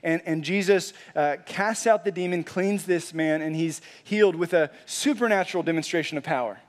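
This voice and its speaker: A pastor preaching a sermon in a conversational, animated way, often saying "like" and restarting phrases. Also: male voice, a little high, moderate pace. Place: church sanctuary.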